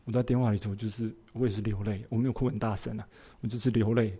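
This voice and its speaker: A man preaching a sermon as a pastor, telling a personal story in an earnest, expressive way. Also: fairly low pitch, fast, breathy edge.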